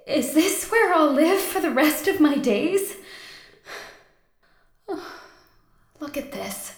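An actress playing a gentle, innocent young princess, speaking softly with a naive, wistful manner in an audio drama. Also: female voice, high-pitched, reverberant.

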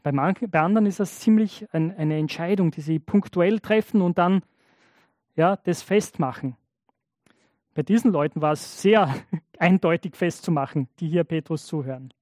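A man's voice: on the high side, normal speed, a little mellow, dry recording, clean studio sound. A man preaching a sermon in a conversational way, often checking in with the congregation. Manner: acts out biblical and imagined speakers in changed voices.

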